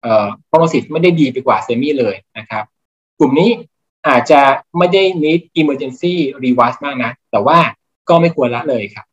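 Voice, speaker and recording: Male doctor guest, measured teaching delivery, lo-fi audio. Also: mid-range voice. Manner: explanatory, measured lecturing with medical terms. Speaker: cardiologist guest. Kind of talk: teaching clinical points in a podcast interview.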